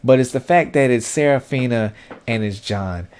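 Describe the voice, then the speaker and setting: A man's voice: medium pitch, normal speed, a little mellow. A man in a mid-range voice talks through a comic episode for his channel. He chats loosely and with strong opinions, leaning on fillers and slang as he goes. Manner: conversational and opinionated, heavy on fillers and slang like "y'all" and "dude". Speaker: webtoon recap host. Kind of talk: casual commentary recapping a comic.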